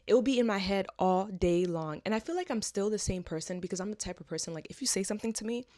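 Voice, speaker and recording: A woman's voice: mid-range voice, fast talker, dark tone, no room sound, studio quality. A woman in her twenties making a vlog. She reads a script, then rambles chattily with many fillers and tag questions. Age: 20s. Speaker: vlogger. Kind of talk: scripted narration, then casual personal chat.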